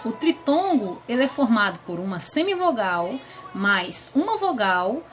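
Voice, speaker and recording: A woman's voice: high-pitched, a bit bright. A Brazilian woman teaching a grammar lesson to sixth graders in an affectionate, explanatory way, voicing her pupils' questions herself. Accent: Brazilian Portuguese.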